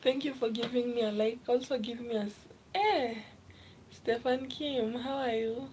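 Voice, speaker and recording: A young woman from Kenya chatting casually on a live stream, reading viewer comments aloud and often dropping to a soft, half-whispered voice. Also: fairly high pitch, moderate pace, a little hiss or hum, poor audio. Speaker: livestreamer.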